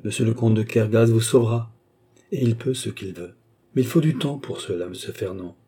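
A man's voice: fairly low pitch, normal speed, mellow, breathy edge. A man reading the part of a remorseful young woman, pleading with emotion in a storybook reading.

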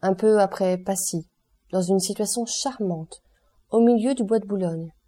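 A woman's voice: medium pitch, moderate pace, dark tone, natural voice. A woman reading the part of an eager, deferential male notary who speaks hesitantly, in an audiobook. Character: eager, obsequious small-town male notary.

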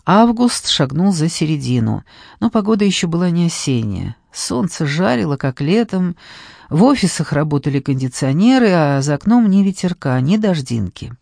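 Measured woman narrating an audiobook, dry. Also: lowish voice, gravelly, dry recording. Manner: even, measured storytelling.

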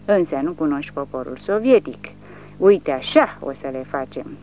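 A reader voicing a drunk, bullying man who is a Soviet village official, shouting insults in an audiobook. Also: fairly high pitch, lively intonation, highs cut off, a little hiss or hum, lightly acted. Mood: ranting.

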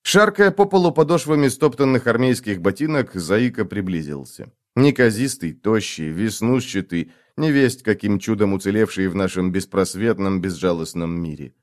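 A man narrating a dramatic audiobook in an expressive, first-person storytelling manner. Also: on the low side, normal speed, hardly any pauses.

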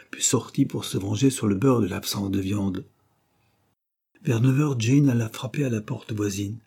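A man giving a steady, measured reading of a classic novel as an audiobook narrator. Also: lowish voice, vocal fry, slightly rough. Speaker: audiobook reader.

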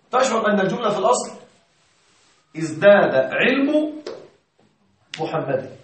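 A man teaching Arabic grammar in a classroom, asking his students questions and repeating example sentences slowly. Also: high voice. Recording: echoey classroom from far off.

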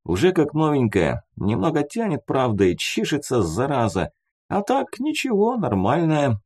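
A man's voice: fairly high pitch, huge pitch swings, moderate pace, darkish tone, husky, pitched above the performer's own voice, heavily acted. A man voicing an easygoing young male student who jokes in casual banter.

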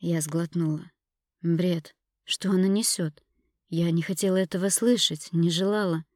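Low-voiced woman narrating a story. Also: fairly even intonation, a little slow, a little mellow, no room sound, studio quality. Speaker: audiobook narrator. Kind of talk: first-person scripted narration.

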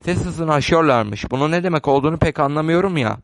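A man reading the part of a gentle, shrewd elderly spinster in a storybook reading, polite and a little fussy. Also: fairly high pitch, expressive, fast talker, no echo.

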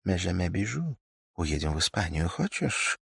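A man's voice: normal speed, no room sound, studio quality, close to an everyday voice. A man reading an audiobook, voicing a young, passionate and nervous noblewoman who pleads dramatically. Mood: urgent whisper. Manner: dramatic, pleading, high-strung.

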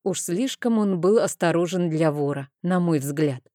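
Rich: a woman reads a first-person fantasy audiobook in a measured, expressive way. Her voice sits low, warm and mellow. The recording is dry and close. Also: dry recording. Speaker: audiobook narrator.

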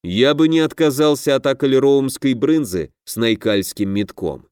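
A man's voice: medium pitch, normal speed, a little mellow, clean tone, no room sound, clean studio sound, close to an everyday voice. A man voicing a grand, self-important half-orc pirate who would be king in an audiobook. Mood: haughty.

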